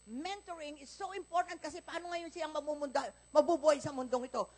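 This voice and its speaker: A woman's voice: high voice, fairly quick. A woman pastor with a Filipino accent preaching a live Sunday sermon, telling stories animatedly and acting out the dialogue. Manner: animated storytelling, acts out dialogue in quoted voices. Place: church service, recorded live.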